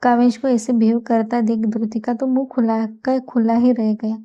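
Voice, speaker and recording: Woman reading a romance story, higher pitched, flat even tone, kinda dull lo-fi sound. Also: moderate pace. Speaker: audiobook narrator. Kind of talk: scripted story narration.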